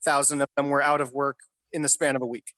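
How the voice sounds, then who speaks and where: Flat, fast and sharp-toned at a medium pitch, this man's voice is recorded dry. He's a New York City film industry worker in his thirties, a guest in a casual storytelling interview in his apartment. He spins film-set tales loosely, with plenty of fillers and occasional curses.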